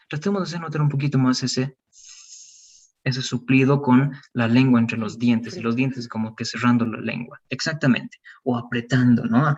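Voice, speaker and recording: A man's voice: mid-range voice, slightly rough, far from the mic, dull audio. A man teaching an English pronunciation lesson, patient and encouraging, mixing Spanish explanations with English examples.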